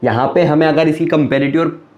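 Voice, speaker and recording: With a steady tone and a brisk pace, a young man whose fairly high voice is a little mellow explains grammar at a board, captured on dull audio. He patiently works through the lesson by asking himself questions and answering each one.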